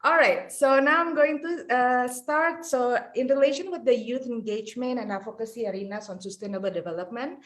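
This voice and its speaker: A woman's voice: on the high side, a little fast, few pauses. Chatty woman from Indonesia presenting. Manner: chatty, fillers like "like" and "right?". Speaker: panel speaker. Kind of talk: conversational presentation. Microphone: video call.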